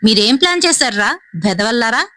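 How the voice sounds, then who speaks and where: A woman voicing an angry, short-tempered male gang boss who scolds and shouts in a spoken horror story. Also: a little high, moderate pace, dry recording, lightly acted. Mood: furious.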